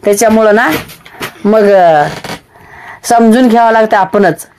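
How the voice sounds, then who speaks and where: A woman's voice: medium pitch, a little slow, a little mellow, slight background noise. Chatty woman narrating a home vlog. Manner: chatty, rambling, with frequent fillers and restarts. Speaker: vlogger.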